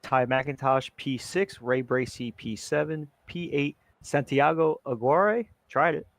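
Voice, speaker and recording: A man commentating a sim racing broadcast, rattling off finishing results quickly. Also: mid-range voice, fairly bright tone, dry recording. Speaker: race commentator.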